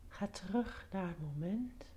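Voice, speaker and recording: Low, very slow, whispery woman guiding meditation. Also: animated. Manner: soft, breathy near-whisper, soothing; short instructions with pauses. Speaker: meditation guide. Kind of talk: guided meditation.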